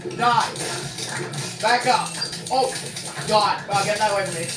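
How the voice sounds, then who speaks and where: A young player giving let's play commentary while gaming, full of excitable trash talk and shouted taunts. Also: medium pitch, unhurried. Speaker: gamer. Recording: roomy, distant mic, loud game music. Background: loud game music.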